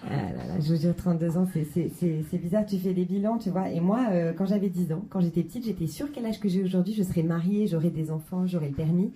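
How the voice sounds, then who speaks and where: A woman's voice: fairly low pitch, fast talker, hardly any pauses, dark tone. A woman in her thirties doing conversational stand-up in a club, hesitant, slangy and self-deprecating. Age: 30s. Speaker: stand-up comedian. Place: comedy club stage. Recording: live club recording, faint noise.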